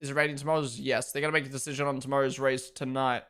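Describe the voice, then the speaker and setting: A man's voice: mid-range voice, little pitch movement, very fast, a bit bright, clear, resonant tone. Chatty New man hosting a stream. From New Zealand. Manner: chatty, loose and swearing. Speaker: live stream host. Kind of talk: casual live watch-along chat.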